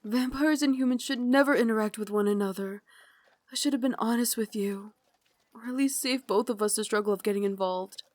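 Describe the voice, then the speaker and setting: Her voice is slightly high and brisk, with a darkish tone, no echo, and light acting, and she sounds regretful and urgent. She is a woman portraying a guilt-stricken, tender young Victorian vampire lady for an intimate ASMR roleplay, her formal, dramatic confidences slipping into breathy whispers.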